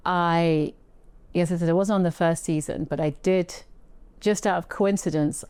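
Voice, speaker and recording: A woman guest talks through her story in a relaxed interview, reflective and a little halting, restarting her sentences now and then. Her voice sits on the low side and sounds smooth and clear. The recording is dry and close. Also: no echo. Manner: reflective, with frequent restarts and soft laughs. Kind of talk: casual interview conversation.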